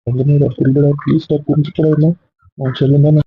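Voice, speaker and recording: A man's voice: fairly high pitch, flat delivery, quick pace, breathy edge. A man voicing an insecure young man who pleads and coaxes his partner again and again. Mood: pleading. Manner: pleading, coaxing, repetitive. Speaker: husband or boyfriend. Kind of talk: Tamil audio drama acting. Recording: tinny phone-like recording.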